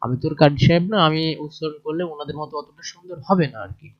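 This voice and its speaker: A man with a Bangladeshi Bengali accent talks through a textbook lesson, pausing to ask his listeners whether they follow. His voice sits a little high. The recording sounds dull and lo-fi. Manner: plain explanatory talk with fillers and checking questions. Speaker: teacher.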